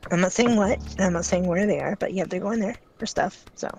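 A woman's voice: medium pitch, fairly quick, a little mellow, slight background noise. A woman co-hosting a video game stream, chatting casually and offering hints, often trailing off with a loose "so". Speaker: let's play co-host. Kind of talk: casual gameplay chat.

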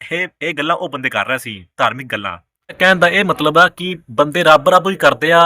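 Sharp-voiced ranting vlogger man. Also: a little high, no room sound, clean studio sound. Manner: blunt, heated and crude, with swearing and scornful repetition. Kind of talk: ranting social commentary.

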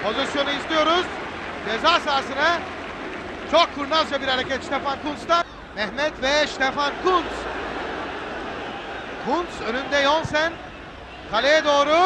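A man calling a football match live on television, excited and breaking into screamed goal calls. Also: extremely high pitch. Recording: noisy 1990s broadcast, loud stadium crowd. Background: roaring stadium crowd.

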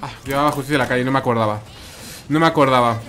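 A man's voice: medium pitch, steady tone, rapid-fire, fairly bright tone, faint music behind. A man with a Mexican accent commenting live on his gameplay, chatting with viewers and repeating his phrases. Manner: chatty, repeats phrases, reads and answers chat. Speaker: streamer.

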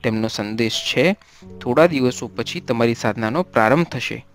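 A serene male ascetic, voiced by a man reading aloud, steady and admonishing in a storybook. His voice sits in a middling pitch. Soft music plays faintly underneath. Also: moderate pace, natural voice. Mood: gentle counsel. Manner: steady admonishing, then gentle.

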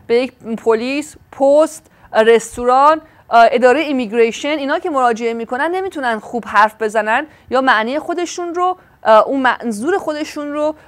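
A woman demonstrating a product, explaining each step with frequent filler sounds. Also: high voice. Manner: explanatory, walking through steps, many fillers.

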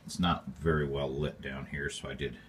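Homeowner, male, very low voice, plainspoken, rambling tour, echoey basement. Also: little pitch movement, normal speed, slight background noise. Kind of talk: casual walkthrough narration. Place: dark stone basement, indoors. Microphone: handheld phone camera.

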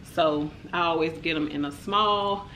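A young woman talks through her shopping haul in a relaxed, chatty way, peppered with "like" and "y'all." Her voice sits a little low for a woman. A faint hum of the room sits behind her. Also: a little slow. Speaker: vlogger. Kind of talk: casual haul chat to camera.

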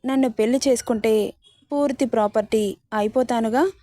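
A woman's voice: a little high, normal speed, dark tone, no room sound, studio quality, natural voice. A woman voicing an affectionate young woman in a spoken romance story, in a coaxing, sweet manner.

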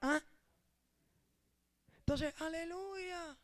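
High-pitched impassioned Puerto Rican woman preacher. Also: extremely slow. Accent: Puerto Rican Spanish. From Puerto Rico. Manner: impassioned, swings between shouting and soft asides. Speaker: pastor. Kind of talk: sermon.

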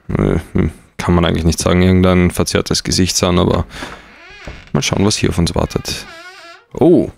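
A man's voice: sits low, vocal fry, darkish tone, dry recording. A man doing casual, hesitant let's play commentary on a game with dry irony. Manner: hesitant, dryly ironic. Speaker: let's player.

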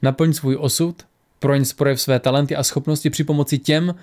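A man voicing a wizard who makes a formal offer slowly and ceremoniously. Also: fairly high pitch, fairly even intonation, a little mellow, natural voice.

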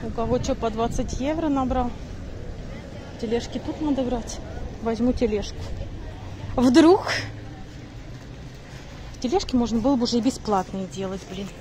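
A woman's voice: a little high, normal speed, pauses often, background noise. A middle-aged woman vlogging on a handheld phone, rambling casually and thinking aloud as she goes. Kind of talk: casual vlog chat. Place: on the move: stairwell, parked car, busy supermarket. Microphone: handheld phone at arm's length.

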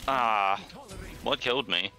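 A man with a lowish voice talks casually with his teammates during an online game. Music plays clearly behind him. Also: slow pace. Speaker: player in a team video game voice chat. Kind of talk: casual gaming chat.

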